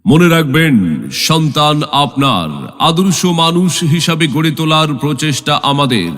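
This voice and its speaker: A man with a Bangladeshi accent reading a scripted public announcement advert in a formal, measured way with drawn-out phrases. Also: a little high, a bit bright. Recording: long echoing reverb, music bed. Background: music.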